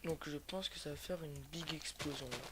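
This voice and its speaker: A man's voice: fairly high pitch, steady tone, moderate pace. A young man giving casual, slangy gameplay commentary, hesitant and sweary, his voice sick from a sore, swollen throat. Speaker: gaming video host. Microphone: cheap computer microphone. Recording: noisy cheap microphone with clicks.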